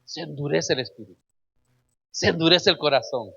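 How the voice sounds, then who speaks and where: A husky, fairly high-pitched man preaching an emphatic sermon. He calls out to his listeners as brother and fires rhetorical questions at them. The recording sounds dull and lo-fi. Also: normal speed, sharp tone.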